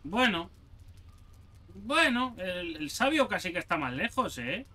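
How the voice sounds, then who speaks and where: A man giving casual gameplay commentary, excitable and sarcastic, swearing often. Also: high-pitched, unhurried. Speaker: gaming youtuber.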